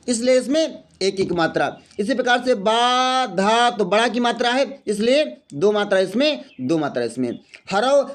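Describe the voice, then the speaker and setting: A male teacher giving a grammar lesson, explaining step by step and counting aloud as he asks and answers his own questions. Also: sits high.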